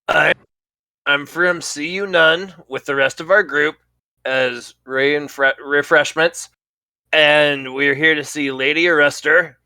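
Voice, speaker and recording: A man's voice: a little high, fairly even intonation, slow pace, sharp tone, no echo. A man playing a tabletop role-playing game, joking and playful in character. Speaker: player.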